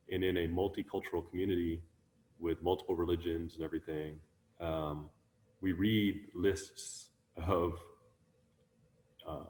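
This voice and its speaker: A man giving a relaxed, conversational Buddhist teaching online, musing aloud with many ums and restarts. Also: deep voice, in a large hall. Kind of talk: conversational dharma talk. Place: online talk, sharing his screen.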